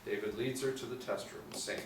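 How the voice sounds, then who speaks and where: The stage directions at this screenplay table read are voiced by a middle-aged man speaking fairly quickly, his mid-range intonation fairly even. The group is seated in a small indoor room, recorded by a distant mic that sounds roomy, with faint room noise.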